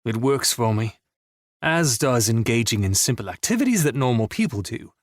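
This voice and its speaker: A man's voice: medium pitch, big pitch swings, normal speed, dry recording. Man, romance audiobook narration, blunt weary delivery, dry studio sound. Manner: weary, blunt inner monologue.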